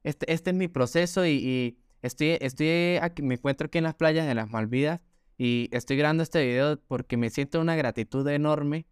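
A man's voice: on the high side, a little fast, smooth, no room sound, clean studio sound. A man from Venezuela with an Andean gocho accent, co-hosting a casual podcast chat in an earnest, explanatory way with many restarts. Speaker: podcast co-host.

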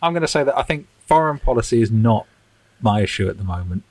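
A man's voice: medium pitch, animated, quick pace, darkish tone, no echo, low-quality recording. A man co-hosting a podcast, talking in a rambling, self-deprecating way and chuckling often. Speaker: podcast co-host. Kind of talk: casual political chat.

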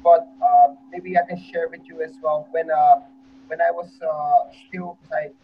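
A man from the Netherlands, a football coach, answering questions in an online panel with many pauses and fillers. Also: on the high side, flat delivery, phone-quality sound, slight background noise.

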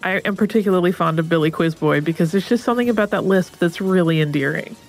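A woman's voice: lowish voice, quick pace, faint music behind. A woman podcast host narrating a scripted episode and introducing interview clips.

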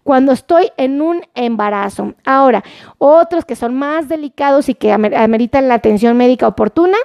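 A high-pitched woman talks to her live viewers as a doctor, chatty and playful. Her voice sounds close and dry, with no room around it. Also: animated, brisk, creaky, darkish tone, no room sound. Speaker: doctor and diabetes specialist. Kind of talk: live-streamed health talk. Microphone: phone.

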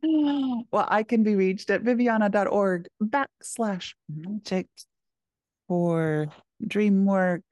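A woman's voice: medium pitch, slow, a little mellow, no room sound, clean studio sound. A woman, the producer of the podcast, steering the conversation in an upbeat, leisurely way.

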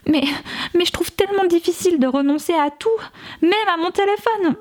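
A woman's voice: very high-pitched, pitched above the performer's own voice. A woman reading a whimpering fragile young woman. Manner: tearful, halting.

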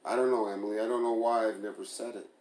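A man's voice: fairly low pitch, steady tone, quick pace, a little mellow, close to an everyday voice. A man voicing an evasive, unsure young man who fumbles and hesitates over his words. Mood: hesitant. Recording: roomy echo.

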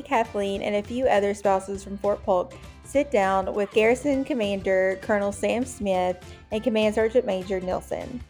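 A woman's voice: mid-range voice, a little mellow. A woman hosting a podcast, reading a welcoming, upbeat introduction. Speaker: podcast host.

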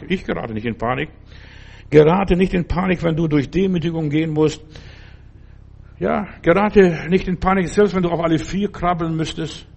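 An older man preaching a sermon, repeating his exhortations earnestly and dropping at times to a soft, slow, reassuring tone. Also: high-pitched, vocal fry, slightly rough.

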